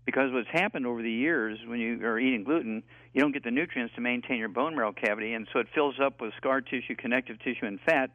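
The voice is a mid-range one belonging to an eighty-year-old man appearing as a guest health expert on a call-in radio talk show. He rambles and pauses with frequent fillers over a tinny phone line, in a dry recording.

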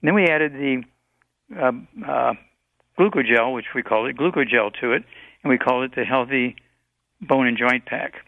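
Man, 80s, radio health expert, rambling, gravelly, tinny phone-line sound. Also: mid-range voice, dry recording. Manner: rambling, halting with many fillers. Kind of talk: call-in radio advice.

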